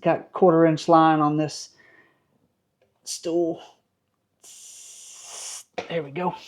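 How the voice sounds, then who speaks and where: Working on a truck in his home garage, a Southern-accented man in his thirties who vlogs about car restoration talks casually and pokes fun at himself. His slightly high voice moves little in pitch, and he draws out his words.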